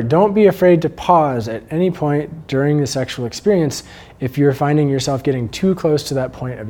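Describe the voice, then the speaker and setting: Calm, earnest man teaching slowly. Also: medium pitch. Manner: calm, earnest, slows and softens for emphasis. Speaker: sex educator. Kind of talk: instructional talk.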